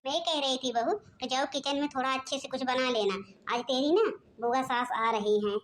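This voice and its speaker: A woman's voice: high voice, fairly even intonation, moderate pace, a little hiss or hum, close to an everyday voice. A woman voicing a bossy, nagging mother-in-law in a cartoon, scolding and giving orders. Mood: ordering.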